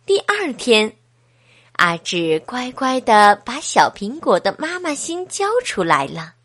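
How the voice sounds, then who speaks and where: A woman gently and expressively reading a children's picture book aloud. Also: mid-range voice, very animated, measured pace. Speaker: storyteller.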